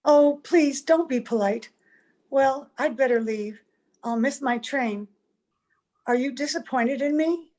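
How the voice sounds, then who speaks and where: In an old-time radio play, a woman portrays a wistful, ageless young heroine. Her fairly high, gentle voice sounds tender and earnest, and she takes her lines slowly.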